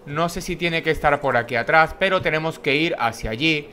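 A man's voice: a little high, fairly quick, sharp tone, a little hiss or hum. A young man from Spain with a Castilian accent, commenting casually on a video game, tired late at night and swearing freely. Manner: swearing, chatty, jokey. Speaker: gaming YouTuber.

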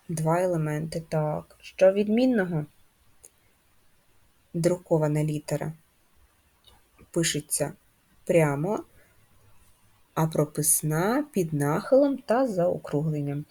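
This woman, a patient primary school teacher, takes her first graders slowly through each handwriting stroke, leaving long pauses. Her voice is a little low and husky, and she asks simple questions, then answers them herself with clear, steady encouragement.

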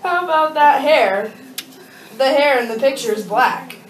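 A woman's voice: high voice, expressive, measured pace. Young woman playing Confederate puppet leader, stiff recited lines, amateur puppet show, strong room echo, faint noise. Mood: curious. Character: sock-puppet Confederate leader, commanding interviewer. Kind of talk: amateur puppet-show role-play, scripted. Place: darkened room with projection screen, puppeteers low at front. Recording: echoey room, distant mic, faint noise.

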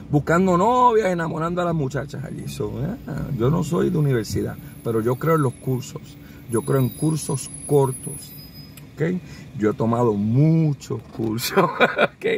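A Puerto Rican man with a Puerto Rican Spanish accent talks while he drives, in a fairly high voice, animated and sprinkling in English words. Road and engine noise hum clearly under him in the car. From Puerto Rico. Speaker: vlogger and consultant. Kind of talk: casual advice talk while driving. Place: inside a car on a city street. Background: traffic and car noise.

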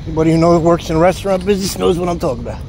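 A man talks rapid-fire to his viewers while magnet fishing at a city pond, exclaiming at each find. His voice runs on the high side. The chest-mounted action camera yields poor audio, with loud wind and water in the background.

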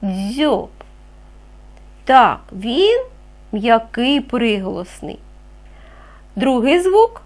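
A woman teaching a reading lesson to young children, speaking clearly and patiently, asking them questions as she goes. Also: fairly high pitch, big pitch swings, very slow, pauses often, a little mellow. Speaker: primary school teacher.

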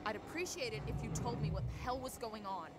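An actress playing a sharp, insistent woman survivor in a video game. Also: on the high side, lively intonation, fast, very noisy, close to an everyday voice. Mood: demanding. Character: wary, demanding young woman survivor. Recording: game audio over loud music.

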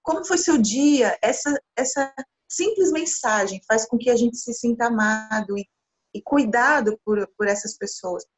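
Sitting next to her husband in a small room, a Brazilian woman in her thirties, a missionary guest, talks earnestly and unhurriedly with lots of hand gestures. Her voice is on the high side. The interview is over a video call through a laptop camera mic, with dull lo-fi sound.

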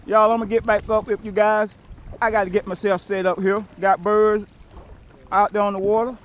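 A man fishing from a kayak outdoors, chatting casually to viewers and his partner, often excited. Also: sits high, normal speed. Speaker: kayak angler filming his trip. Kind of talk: casual fishing vlog chat. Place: kayak on open water outdoors. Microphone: action camera mounted on the kayak.

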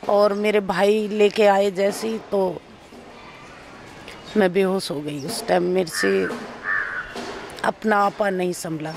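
A woman's voice: mid-range voice, a little mellow, slight background noise. Woman actress telling her story. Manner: recounts events by acting out others' speech. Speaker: actress being interviewed. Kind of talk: emotional personal storytelling in an interview.

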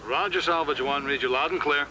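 A businesslike mission controller answers over a radio link in clipped, by-the-book phrases. His voice sits fairly high and sounds sharp and tense, cutting through the transmission. It is a 1970s TV drama voice. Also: fairly quick, slight background noise, poor audio. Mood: steady. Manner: clipped radio procedure talk. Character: calm male mission controller, crisp and businesslike. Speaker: ground control radio operator.

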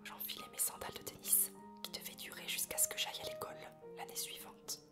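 A woman whispers a story in a breathy ASMR reading. Her delivery is slow and soft, with piano music playing clearly behind her.

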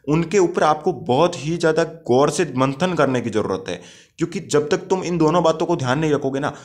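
A man with a somewhat high-pitched voice hosts an informal walkthrough of a game on screen. He is blunt and repetitive, calls the viewer brother, and keeps checking that his point has landed. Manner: direct and repetitive, often checking the listener understood. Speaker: YouTube gaming-tips host. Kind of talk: casual tutorial narration over gameplay.

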